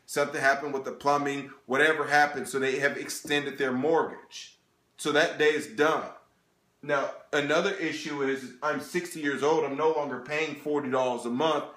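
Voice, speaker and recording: A man in his thirties giving a sales seminar presentation, animated and talking straight to the audience with frequent check-ins. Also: a little high. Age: 30s. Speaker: financial presenter. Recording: echoey room.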